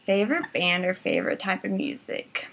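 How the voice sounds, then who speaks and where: A woman's voice: mid-range voice, wildly swooping pitch, moderate pace, gravelly, fairly bright tone, slight background noise. A young woman co-hosting a book vlog, chatting casually through a tag and often laughing. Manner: giggly, bursts into laughter. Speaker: book vlogger co-host. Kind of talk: casual chat answering a tag.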